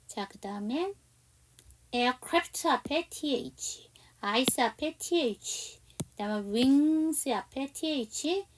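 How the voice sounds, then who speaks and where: A woman teaching English in a slow, patient lesson. She speaks with a Korean accent and a fairly high voice. She sits a little back from the microphone. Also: recorded from a distance. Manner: reads English lines slowly, explains in Korean, asks the viewer questions. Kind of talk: slow explanatory language lesson.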